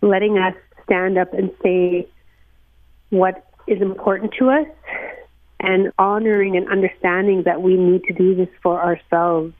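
A woman's voice: fairly low pitch, no echo. A woman from northern Manitoba, interviewed by phone, speaking earnestly and reflectively with many fillers. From northern Manitoba, Canada. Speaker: interview guest, executive director of a watershed alliance. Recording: tinny phone line.

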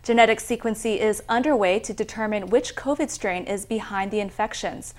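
A woman's voice: medium pitch, a little hiss or hum. Woman reading scripted news. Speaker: news reporter.

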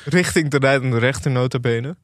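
A man's voice: mid-range voice, normal speed, no room sound, clean studio sound. A man co-hosting a casual talk podcast, recounting a TV episode in an easygoing, rambling way. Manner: easygoing storyteller, many fillers. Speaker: podcast co-host, TV critic. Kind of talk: casual chat, retelling a TV episode.

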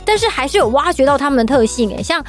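Music runs in the background as this podcast guest, a woman speaking Mandarin with a Taiwanese accent, talks casually about dubbing BL audio dramas. Her voice sits high with lively intonation, and she moves at a quick pace, teasing and storytelling playfully.

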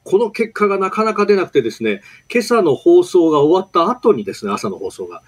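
A male radio announcer joins the show from home, and his voice comes through muffled, as if heard through a wall. He sits fairly high and swings widely in pitch. His chat is relaxed, and he laughs good-naturedly as he denies the teasing. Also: brisk. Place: at home, on a remote line.

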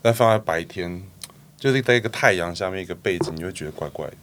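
Male bar owner guest, deep rapid voice, animated storyteller. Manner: animated storyteller, acts out customers' lines. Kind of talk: casual storytelling interview.

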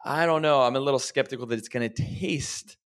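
A health coach in a casual podcast chat talks things over in a relaxed, reflective way and often turns to encourage his listeners. His ordinary mid-range voice is brisk and clean.

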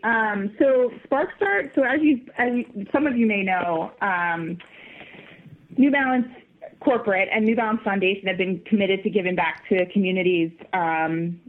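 A woman's voice: medium pitch, normal speed. A woman who is a guest on a radio talk show, upbeat and explaining her program from her notes. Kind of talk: phone interview. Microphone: phone. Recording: tinny phone line.

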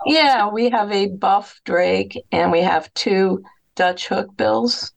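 A middle-aged woman from New England, a guest telling relaxed stories in a casual interview. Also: mid-range voice, takes it slowly, gravelly.

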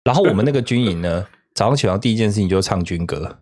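A man's voice: lowish voice, fast talker. A man in his thirties with a Taiwanese Mandarin accent, chatting casually as a podcast co-host and telling stories with frequent laughs. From southern Taiwan. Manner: animated storytelling, laughs often. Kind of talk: casual chat.

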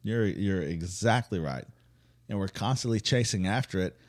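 A man's voice: fairly low pitch, moderate pace. A man co-hosting a faith podcast, casually retelling a Bible story with humor and acting out the characters. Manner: animated storyteller, acts out voices with humor.

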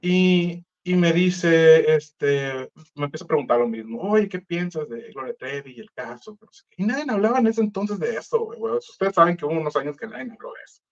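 A Mexican man tells his own story in a loose, slangy way and jumps into other people's voices as he goes. His voice sits a little high for a man. The recording sounds dull and muffled. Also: fairly quick, few pauses. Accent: Mexican Spanish. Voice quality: slangy, animated, acts out quoted voices. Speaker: musician telling his story. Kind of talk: casual storytelling.

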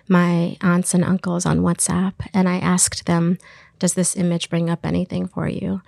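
A woman's voice: fairly low pitch, gravelly, darkish tone, dry recording, studio quality. A woman filmmaker talking thoughtfully in an interview, searching for her words as she reflects on her work. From Iraq. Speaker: filmmaker guest.

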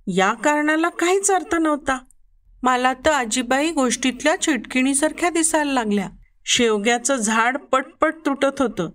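A woman's voice: sits high, a bit bright. A woman reading a children's story aloud in the first person, telling it expressively as the boy who lived it.

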